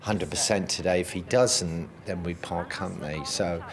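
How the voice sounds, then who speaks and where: A man's voice: low-pitched, fairly even intonation, normal speed, a crowd in the background. A man explaining a situation in an interview in a matter-of-fact way. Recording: clear background noise.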